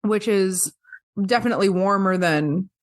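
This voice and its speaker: A woman's voice: mid-range voice, moderate pace. A young woman from upstate New York, co-hosting a podcast in a casual, chatty way with frequent laughs. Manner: chatty, laughs often, animated storytelling. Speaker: podcast co-host. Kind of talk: casual chat.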